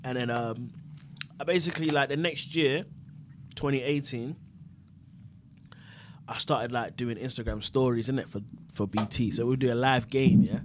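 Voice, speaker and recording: A man's voice: mid-range voice, fairly even intonation, moderate pace, pauses often, noisy background. A young man with a London roadman accent and heavy street slang, chatting casually as he tells anecdotes as a podcast guest. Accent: London, urban roadman slang style. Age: young adult. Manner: slangy street talk with frequent "innit". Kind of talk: casual interview chat, telling anecdotes.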